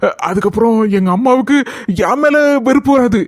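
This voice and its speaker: A man acting a kind young husband in a family drama skit, earnest and explaining things gently. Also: very high-pitched, fairly quick, no echo, clean studio sound.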